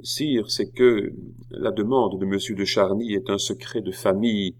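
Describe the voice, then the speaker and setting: A man's voice: lowish voice, steady tone, a little slow, a little mellow. A man reading the part of an anxious, cornered queen who answers in tense, faltering words.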